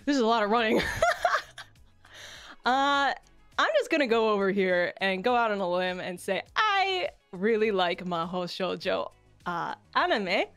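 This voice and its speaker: A woman's voice: mid-range voice, animated, normal speed, a bit bright, clear, resonant tone. A woman streamer chatting casually on a livestream in a playful, giggly, self-deprecating way. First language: English. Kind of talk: casual livestream chat, debut introduction. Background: background music.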